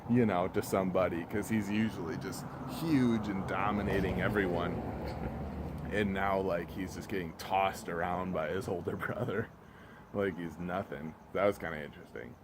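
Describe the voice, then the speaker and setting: A man with a low voice rants casually over clearly audible ambient noise. He rambles, circles back on the same phrases and often trails off before finishing. His delivery is blunt, exasperated and peppered with profanity. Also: fairly even intonation, normal speed. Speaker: vlogger reviewing a TV episode. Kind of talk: casual off-the-cuff rant.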